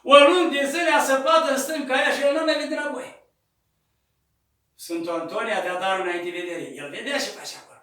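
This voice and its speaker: Male priest, high bright voice, storytelling sermon, roomy echo, mic off at a distance. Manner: acts out voices in the story, shouting at peaks. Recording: echoey room, distant mic.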